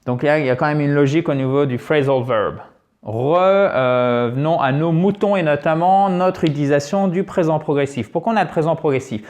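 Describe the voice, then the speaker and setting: A man teaching an English grammar lesson on video, lively and chatty, often checking in with his viewers. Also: fairly high pitch, normal speed.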